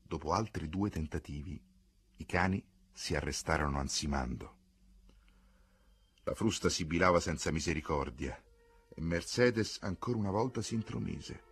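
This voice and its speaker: A man reading a novel aloud in an expressive, dramatic audiobook narration. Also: sits low, moderate pace, husky, no room sound. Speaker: audiobook reader. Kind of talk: scripted narration.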